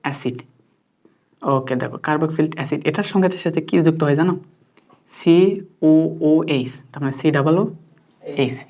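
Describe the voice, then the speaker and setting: A woman's voice: sits low, quick pace, long pauses, darkish tone. A woman teacher, tutoring a student in chemistry and constantly quizzing and checking that she understands. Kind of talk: interactive tutoring lesson.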